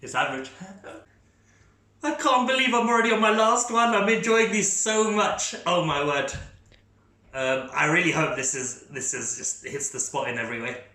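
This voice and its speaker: This food reviewer host has a high, bright voice with a forceful tone, speaking animatedly at normal speed. He eats and gives each bite a rating, chatting with enthusiasm even while chewing, in a casual tasting recorded in an echoey room.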